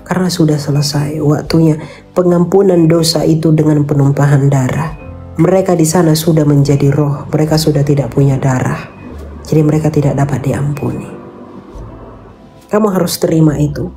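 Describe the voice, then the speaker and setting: A woman's voice: low voice, fairly even intonation, normal speed, dark tone, soft background music. A woman giving casual faith counseling, earnest and coaxing, repeating her points and mixing in English phrases.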